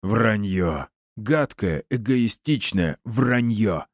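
A man's voice: sits low, unhurried, dry recording, clean studio sound. A man voicing a gleeful, cruel male villain who taunts his captive in a theatrical, mocking way. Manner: mocking, theatrical, rising to shouts.

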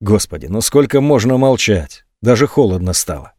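A man reading a novel aloud as an audiobook narrator, with expressive delivery. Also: on the low side, normal speed, no room sound, clean studio sound. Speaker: audiobook reader.

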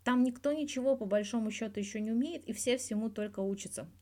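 A woman speaks fast in a natural, darkish voice on the high side, portraying a guarded male hockey star in his thirties. It's a scripted interview from a fan fiction audio reading, reflective in mood, with candid, wry, colloquial talk that includes swearing.

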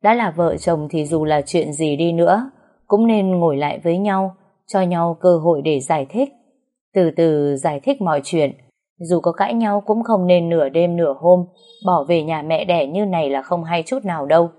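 A stern aging father, as a woman storyteller puts him on. He scolds and lectures in a firm, unhurried way, low and mellow in tone. It is a spoken audio story. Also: natural voice. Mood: lecturing. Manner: firm, scolding, slow and measured.

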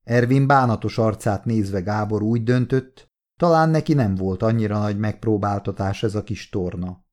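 Brief: male audiobook narrator, low-pitched, steady and measured. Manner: calm, measured reading with slow pauses at key moments.

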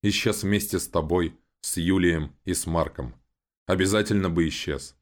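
A man as a calm, serious young man. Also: low voice, moderate pace, natural voice. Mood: resolute. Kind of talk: audiobook voice acting.

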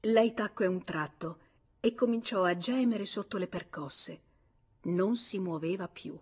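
A woman reads a classic novel aloud in a measured, expressive way. Her voice is husky and breathy at a middle pitch. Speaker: audiobook reader. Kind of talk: scripted literary narration.

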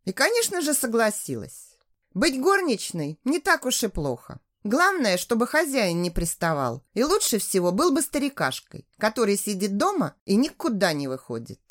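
A woman narrating a first-person audiobook in an expressive, lively reading. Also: on the high side, normal speed.

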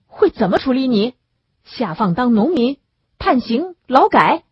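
A fierce, defiant young wife, as a woman narrator puts her on bursts out in a high, husky, raised voice that swings widely in pitch. The sound is dry and dull, like a lo-fi audiobook. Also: sing-song, unhurried, dry recording, full character voice. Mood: vehement. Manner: raised, pleading outburst.

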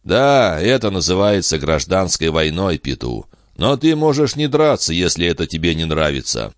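A male audiobook reader voices a gruff, grave older farmer who speaks tersely in a very low, stern, grumbling voice. The pitch swings widely and the pace is moderate. The recording is dry and close, with no room sound.

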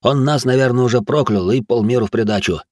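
A man's voice: medium pitch, quick pace, darkish tone, no echo, clean studio sound, voice pushed up, natural voice. A man voicing a big, blunt former lieutenant who talks plainly and easily.

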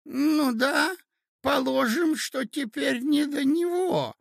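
Feeble old prince, very high wavering voice, dragging slow delivery. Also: male voice, expressive, creaky, no room sound, clean studio sound, heavily acted. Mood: fretful. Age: older. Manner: quavering, muddled, slow and plaintive. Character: frail doddering elderly male prince.

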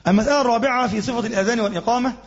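A man's voice: very high-pitched, racing, slightly rough, lo-fi sound. A man with an Egyptian accent teaching a classroom lesson as a sheikh, explaining points and asking the class rhetorical questions. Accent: Egyptian Arabic. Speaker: sheikh teaching Islamic jurisprudence.

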